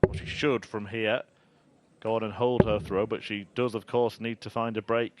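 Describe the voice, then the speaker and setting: A man's voice: on the low side, level tone, normal speed. A man giving analytical live commentary on a darts match. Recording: loud background noise.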